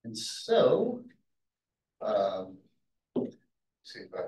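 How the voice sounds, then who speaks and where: A man's voice: lowish voice, huge pitch swings, drawn-out words, warm tone. A man casually hosting a math club session and introducing the next speaker, offhand and full of fillers. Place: classroom. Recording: echoey room, mic far off, faint noise.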